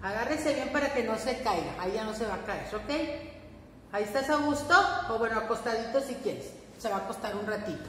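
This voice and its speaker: A woman with a Mexican accent teaching preschoolers, singing and talking to them in an animated sing-song way. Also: a little high, fairly quick, a little hiss or hum. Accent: Mexican Spanish. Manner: animated sing-song, speaking to small children. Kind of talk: singing lesson for young children. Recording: echoey room, long reverb, faint ambience.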